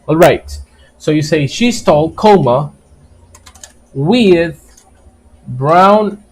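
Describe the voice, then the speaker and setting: Male teacher, slow and patient, higher voice, repeats points and checks in constantly. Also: expressive, breathy edge, poor audio. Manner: explains slowly, repeats key points and keeps checking with "right?". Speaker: English teacher. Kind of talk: live online grammar lesson.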